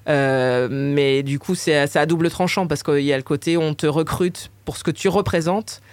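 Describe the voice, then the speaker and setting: A woman's voice: low-pitched, fairly even intonation, normal speed, darkish tone, no room sound. Hesitant Parisian suburban woman. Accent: Paris suburban French. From Paris suburbs, France. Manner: hesitant, many fillers and restarts. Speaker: author and interviewee. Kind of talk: interview answers.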